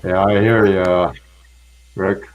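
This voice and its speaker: A man speaks slowly in casual chat, stumbling and repeating words as he goes. His voice sits somewhat low. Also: little pitch movement, dull audio.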